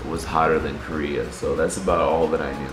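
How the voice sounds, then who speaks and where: A man in his thirties, from Puerto Rico, speaks in a very low, deep register. He talks as a guest in a loose, easygoing ramble and swears freely. The voice sits in a roomy space with music playing clearly behind it. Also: flat delivery, brisk. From Puerto Rico, raised in the US Gulf South. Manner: laid-back, profane, loose and rambling. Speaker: guest, entrepreneur. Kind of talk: casual interview chat. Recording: roomy sound with background music.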